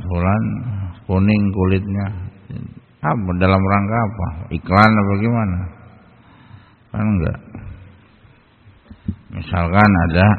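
A man giving a religious study lecture as an Islamic preacher, explaining with everyday examples and Arabic quotes, his pitch jumping high for emphasis. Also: vocal fry. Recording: tinny phone-like lecture recording with long reverb.

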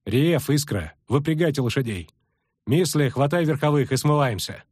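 A man voicing a stern, commanding male bandit leader with a husky voice. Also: fairly high pitch, animated, moderate pace, a little mellow, dry recording, studio quality. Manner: gruff, commanding.

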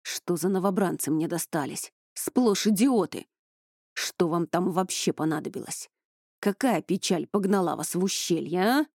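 A stern male commander barks reprimands at his careless recruits, as a woman narrator voices him. His voice is gruff and pitched low, mellow in tone, and recorded close and dry like a studio audiobook. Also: animated, normal speed, no room sound, exaggerated voice. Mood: angry scolding. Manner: gruff, berating.

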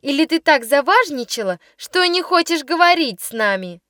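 A woman voicing a dark-haired schoolgirl who shouts scornfully. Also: high-pitched, sing-song, normal speed, no room sound, clean studio sound, voice pushed up, full character voice.

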